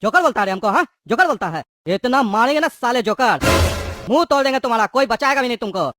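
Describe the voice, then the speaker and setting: Performer as a cartoon thug man: menacing, mocking, threatening; mid pitch, dry read. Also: expressive, quick pace, pushed and bright, dry recording, soft background music. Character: menacing male thug prisoner called Psycho Genda. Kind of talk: cartoon voice acting.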